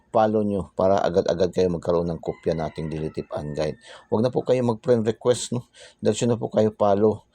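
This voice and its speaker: A very low-pitched man with a dark, mellow voice, chatting casually as a channel host. He keeps adding "ha?" and "no?" after his lines, in a dry, close recording. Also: no echo. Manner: chatty, repeats tag phrases and "ha?" constantly; drops into whispers for secret numbers. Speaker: lottery tip channel host.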